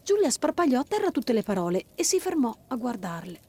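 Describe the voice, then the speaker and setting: Woman, storyteller, children's story reading, expressive, high voice, animated delivery. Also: fairly quick, slightly rough. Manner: warm, lively, expressive.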